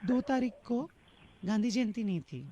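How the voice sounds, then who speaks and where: A woman's voice: on the high side, normal speed, warm tone. A woman on a phone call, apologetic and defensive, answering a complaint.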